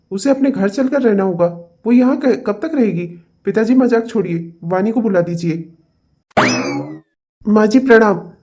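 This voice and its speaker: A man's voice: high-pitched, darkish tone, natural voice. A man voicing a self-satisfied, busy rich husband in a cartoon, breezy and demanding.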